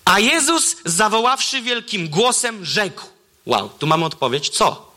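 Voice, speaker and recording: A man delivers a sermon, reading scripture aloud at a slightly slow pace. He swings between excited exclamations and hushed, low emphasis.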